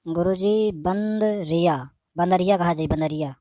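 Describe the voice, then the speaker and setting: A sly little tattletale pupil, played by a woman with a somewhat low voice and a whiny, tale-telling way of speaking. Her has a tinge. It's a comedy-skit performance. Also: measured pace, dark tone, no echo, studio quality, lightly acted. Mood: tattling.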